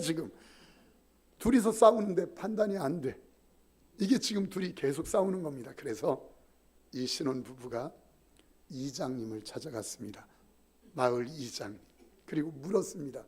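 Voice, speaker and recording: A man's voice: fairly high pitch, normal speed, slightly rough. A middle-aged male pastor giving a sermon in a church, telling stories and acting out the voices of the people in them. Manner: animated storytelling, acting out quoted voices. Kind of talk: sermon with acted-out anecdotes. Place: church sanctuary.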